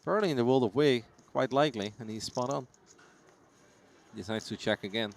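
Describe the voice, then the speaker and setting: A man's voice: medium pitch, fairly quick, vocal fry. A man commentating on live poker in a casual, chatty, jokey and teasing way.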